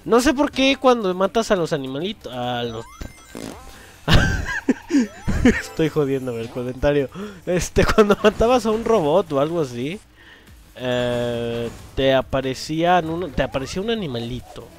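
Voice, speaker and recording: An excitable young man talks through a video game as he plays it. His voice is fairly high and swings widely in pitch, jumping into loud swearing and laughter. Faint game music plays behind him. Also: a little slow. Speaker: gameplay commentator. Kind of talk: let's play commentary.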